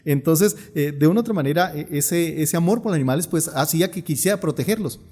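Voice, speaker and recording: A middle-aged male pastor, preaching a sermon in a humorous storytelling manner with lively asides. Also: fairly high pitch, quick pace.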